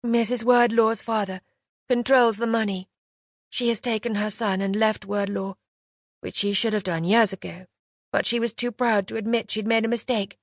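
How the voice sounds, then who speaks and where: A woman's voice: a little high, fairly even intonation, normal speed, no echo, clean studio sound, voice pushed up. A woman voicing a spirited young governess who speaks earnestly and frankly in her own defense.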